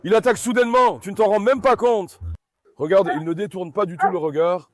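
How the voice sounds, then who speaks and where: High-voiced man calming his dogs. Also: fairly quick, no echo. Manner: repeatedly calming the dogs with soothing commands; talks directly to viewers as friends. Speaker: dog owner and channel host. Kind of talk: running commentary to viewers while handling dogs.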